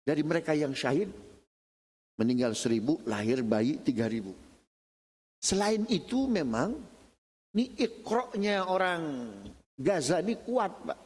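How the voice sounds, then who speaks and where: A middle-aged Indonesian man giving a casual religious lecture at a mosque, telling lively stories and addressing his listeners directly. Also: mid-range voice. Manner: animated storytelling, often addressing listeners as "Pak". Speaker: lecturer at a mosque study session. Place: mosque hall. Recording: long reverb of a mosque hall.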